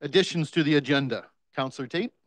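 Guy running a city council meeting, kinda high voice, dry desk mic, quick and procedural. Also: dry recording. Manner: brisk, procedural, polite. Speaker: mayor chairing a council meeting. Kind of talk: formal meeting chairing. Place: council chamber. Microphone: desk microphone.

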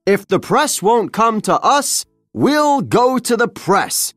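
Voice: mid-range voice, very animated, measured pace, dry recording, clean studio sound, soft background music. A reader doing a melodramatic evil scientist. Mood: grandstanding. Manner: exclaiming, melodramatic. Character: theatrical evil male scientist, pompous schemer.

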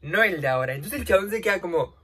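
A woman's voice: lively intonation, fast talker, breathy edge. A young woman with a Rioplatense accent telling a dramatic, slangy story while doing her makeup for a vlog. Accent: Rioplatense Spanish. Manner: dramatic, slangy, swings between loud outbursts and low asides. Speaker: vlogger.

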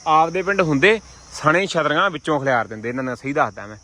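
A man with a Malwai Punjabi accent giving casual vlog commentary outdoors, complaining bluntly in rough village banter and repeating his words. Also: a little high, animated, quick pace, sharp tone. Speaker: vlogger at pigeon-flying contest. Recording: noisy outdoor village ambience.

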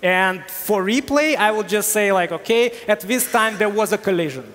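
A man's voice: high voice, normal speed, a bit bright, slight background noise. A man in his thirties answering technical questions on a conference stage through a headset mic, explaining with frequent hesitations. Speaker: conference speaker. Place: large hall on stage. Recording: reverberant hall.

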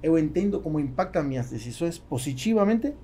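A middle-aged man, a business executive and native Spanish speaker, answers interview questions as a podcast guest in Portuguese with a Spanish accent, often searching for words. His voice sits on the high side, expressive and a little fast, with a dark tone. He's recorded on a close boom-arm studio mic in a small foam-treated podcast studio, with slight background noise.

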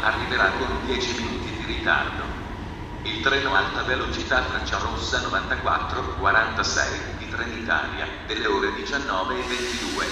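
A man making formal, evenly paced station announcements over a public address loudspeaker. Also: lowish voice. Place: large train station hall. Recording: echoey station hall from far off. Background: station noise, trains.

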